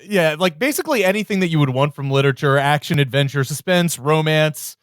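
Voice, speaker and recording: A man talks through ideas on a podcast, relaxed and reflective. His voice sits a bit high, and the sound is dry and close. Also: brisk, no room sound. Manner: relaxed, reflective, often laughing. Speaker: podcast co-host. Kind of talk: casual chat.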